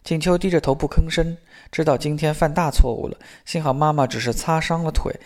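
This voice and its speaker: A man narrating a novel aloud in a steady, measured storytelling manner. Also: on the high side. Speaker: audiobook narrator.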